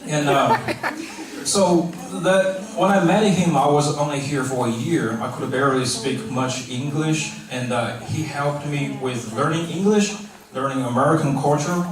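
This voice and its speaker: Chinese-accented young man, very echoey room. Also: a little high. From China. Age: 20s. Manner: non-native, halting English with slips and repeats. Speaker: best man. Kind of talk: informal wedding speech. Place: large echoey room at a wedding reception. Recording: very echoey, distant mic, clearly noisy.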